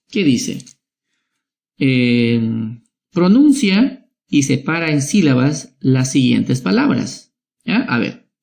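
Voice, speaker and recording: A male schoolteacher teaches young children, spelling out words syllable by syllable and checking in with short tag questions. His voice is fairly high, gravelly and darkish in tone.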